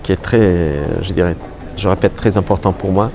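A middle-aged painter from Afghanistan speaking with an Afghan accent, halting with many fillers and restarts, in an on-camera interview in a gallery. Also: male voice, low-pitched, steady tone, background noise. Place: art gallery hall. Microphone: lapel mic.

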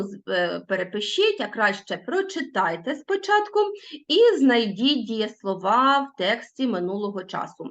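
A woman teacher talks straight to her pupils, reading word forms slowly and one at a time. Her pitch rises and falls in a lively way. The recording sounds a little dull and lo-fi. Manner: clear, patient dictation, spelling out word forms one by one; addresses pupils directly, asks them to pause the video. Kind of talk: recorded school lesson.

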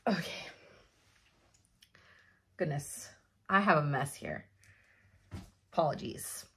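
Recorded by a camera in front of her at a desk in her home craft room, a young adult woman gives a chatty cross-stitch update, thinking aloud and laughing often. Her voice is fairly low in pitch, a bit bright, and slightly hoarse.

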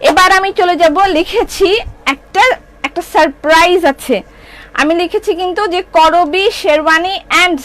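A middle-aged Bangladeshi woman hosts a live sales stream, chattering quickly and playfully as she shows clothes and answers comments. Her voice sits high in its range. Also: a bit bright. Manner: fast, chatty, playful, reads comments aloud. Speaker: shop owner selling clothes on a live stream.

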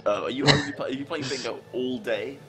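A young man streaming a game, chatting casually and reacting with animated, joking remarks. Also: medium pitch, quick pace. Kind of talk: casual chat while gaming. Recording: game music playing behind the voice.

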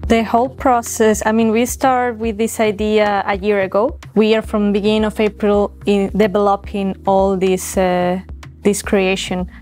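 A woman's voice: medium pitch, little pitch movement, moderate pace, darkish tone, faint music behind. A woman in her thirties from Valencia, Spain, speaking English in an interview, hesitant and searching for words. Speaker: choreographer. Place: large dance studio.

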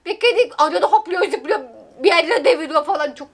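A woman's voice: very high voice, animated, fairly quick. A woman vlogger chatting casually to her viewers, giggly and self-mocking. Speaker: TikTok vlogger.

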